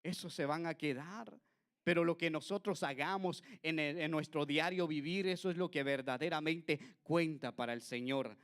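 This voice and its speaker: A man preaching a sermon earnestly, turning to the listener with frequent asides and swinging between loud exclamations and quiet passages. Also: a little high, normal speed, clear, resonant tone. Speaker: pastor.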